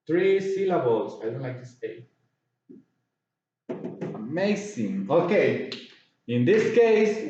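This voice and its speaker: Man, English teacher, high voice, repeats and spells words, very roomy echo. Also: mellow. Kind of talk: classroom grammar lesson. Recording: echoey, distant, dull room sound.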